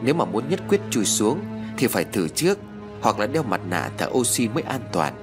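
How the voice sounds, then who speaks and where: A man voicing a calm middle-aged neighbor who explains things in a matter-of-fact way. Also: medium pitch, a little fast, music in the background, natural voice. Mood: insistent.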